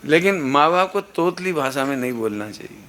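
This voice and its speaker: In a satsang gathering hall, a middle-aged man preaches a sermon through an amplified microphone, earnest and instructive, posing rhetorical questions to his listeners. His voice is a little high and a bit bright, with lively intonation at a moderate pace.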